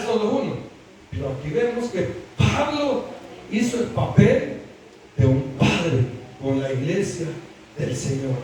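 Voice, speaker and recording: A man preaching a sermon, animated and constantly calling on the congregation with "brother" and "right?" as he teaches. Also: sits high, a little hiss or hum. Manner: animated, keeps calling on the congregation with "hermano" and "¿verdad?". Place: church hall. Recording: very echoey hall picked up from far off.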